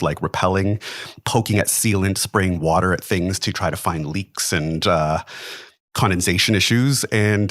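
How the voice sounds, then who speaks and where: A young man chats casually as a podcast guest. His voice sits low, and the room sound is dry and close. He rambles a little, leaning on "like" and "kind of". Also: no echo. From Canada. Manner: relaxed and rambling, lots of "like" and "kind of". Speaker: podcast guest, building engineer. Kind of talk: casual interview chat.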